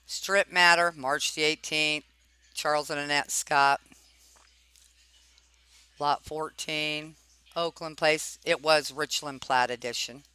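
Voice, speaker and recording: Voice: medium pitch, steady tone, slow pace, pauses often, pushed and bright, clear, resonant tone, no echo. A person giving informal commentary while reading documents aloud, pointed and questioning, often tagging remarks with check-in questions. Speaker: narrator reviewing property records.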